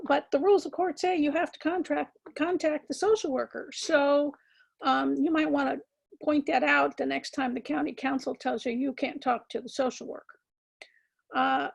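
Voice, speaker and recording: A woman with a high, creaky, scratchy voice delivers a measured, emphatic continuing-education lecture on law to attorneys. She says "um" often and repeats words for stress.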